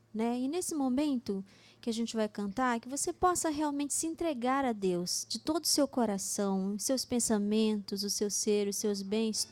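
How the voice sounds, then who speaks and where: A woman introducing a song in church, speaking gently and prayerfully. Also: sits high, no room sound. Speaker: worship leader.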